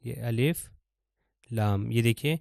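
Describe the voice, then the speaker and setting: A man teaching Quran recitation step by step, patiently explaining letters and slowly chanting each example. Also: mid-range voice, vocal fry, a little mellow, no room sound, clean studio sound.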